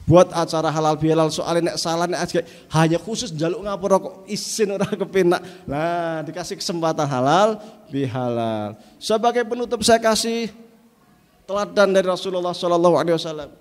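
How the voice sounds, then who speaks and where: Man, preacher, high voice, emphatic dramatic storytelling, long hall reverb. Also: moderate pace, a little mellow. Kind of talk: storytelling sermon.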